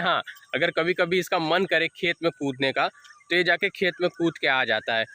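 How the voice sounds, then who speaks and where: This young adult vlogger, walking his dog outdoors by fields in the evening, shares training tips and calls out to the dog in casual chat. His voice is fairly high and bright, with a forceful tone. The recording is dry.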